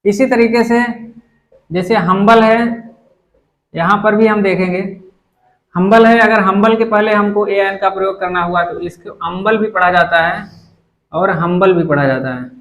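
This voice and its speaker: A man with a high-pitched voice gives a grammar lesson. He explains each rule step by step, asks a question and then answers it himself. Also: fairly even intonation, moderate pace, pauses often, fairly bright tone, rough recording. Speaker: English grammar teacher.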